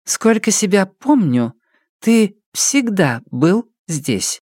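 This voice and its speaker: A man voicing a warm, earthy peasant mother who teases and coaxes a foreign pastor. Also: very animated, a little slow, no echo, clean studio sound. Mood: teasing. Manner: teasing, coaxing, raised higher voice.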